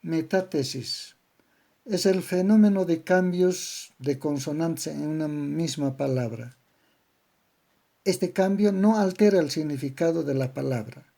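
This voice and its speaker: A man with a Bolivian accent giving a slow, methodical grammar lesson, spelling out syllable patterns word by word. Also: a little high, gravelly, warm tone. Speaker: language teacher. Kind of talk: slow didactic lecture on grammar.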